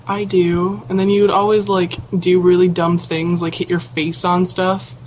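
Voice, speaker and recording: A woman's voice: fairly low pitch, flat delivery, normal speed, a little mellow, muffled recording, a little hiss or hum. A teenage girl guesting on a casual podcast with friends, telling stories in a chatty way. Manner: chatty, storytelling. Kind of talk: casual chat among friends.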